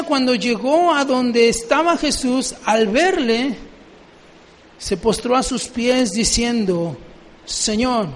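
A man's voice: very high-pitched, big-room sound. A man preaching a sermon, often asking the congregation questions.

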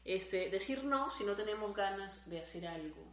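A young woman, co-hosting a podcast in casual chat, animated and swearing freely. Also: mid-range voice, moderate pace. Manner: animated, swears freely, acts out her own thoughts. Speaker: podcast co-host. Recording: roomy echo.

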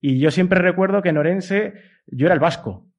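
With a high, slightly mellow voice at normal speed, a middle-aged Spaniard from the Basque Country and Galicia gives a semi-improvised academic talk in a Castilian Spanish accent. He's discursive and hesitant, frequently adding checking tags. The sound is dull and lo-fi.

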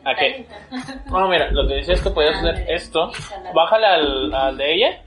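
Teasing Mexican co-host over clear background music. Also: mid-range voice, expressive. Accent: Mexican Spanish. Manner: teasing, quick interjections. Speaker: podcast co-host. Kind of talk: casual chat among friends.

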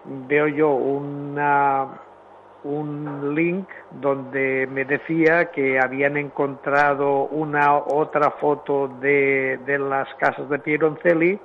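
A man calling in to a radio show over a faint phone line, as if the phone is held away from his mouth, telling a rambling story in halting sentences. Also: a little high, level tone, slight background noise. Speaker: radio caller, photo collector.

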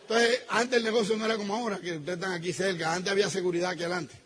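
A man telling an audience a personal story, acting out the dialogue and swinging between loud outbursts and hushed asides. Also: sits high, steady tone, rapid-fire, some chatter behind, slight background noise. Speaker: speaker telling his business story to an audience.

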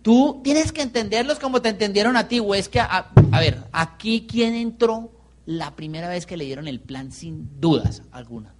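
A man's voice: high-pitched, sing-song, moderate pace, a little hiss or hum. A man with a Colombian accent giving a motivational business seminar, playful and peppering the audience with rhetorical questions. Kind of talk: live motivational seminar talk.

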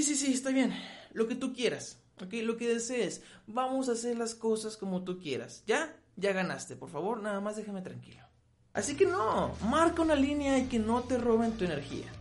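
A man with a Mexican Spanish accent hosting a podcast, giving casual relationship advice and acting out both sides of little arguments. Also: sits high. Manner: animated, acts out both sides of quoted arguments.

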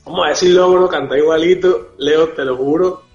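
A man co-hosting a podcast in excitable casual chat, quick to laugh. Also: fairly high pitch. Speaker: podcast co-host. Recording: roomy, dull, with faint music.

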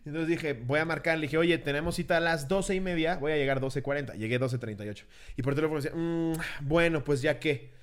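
A man's voice: a little high, quick pace. A man with a Mexican accent, co-hosting a comedy podcast, telling stories with swearing and mimicked voices. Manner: animated storyteller, swearing, mimics others. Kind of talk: casual comedic chat.

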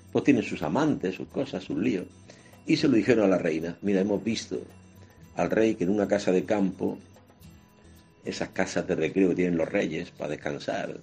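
A priest delivers a sermon in a very deep, dark voice with a husky edge. He builds from calm storytelling to emphatic, climbing appeals. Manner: preaching with rising emphatic passages and quoted dialogue.

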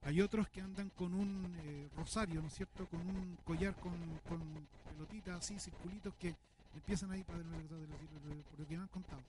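A man's voice: high-pitched, fairly even intonation, fairly quick, noisy background. A man preaching a sermon, earnest and full of rhetorical questions. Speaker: pastor.

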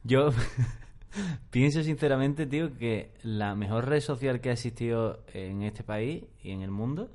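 A young man in casual podcast chat, often laughing and chiming in quickly. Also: mid-range voice, darkish tone.

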